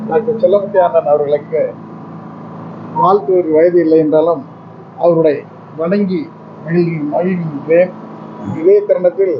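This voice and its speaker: Man, music troupe leader, formal halting speech, high voice, dull recording, noisy background.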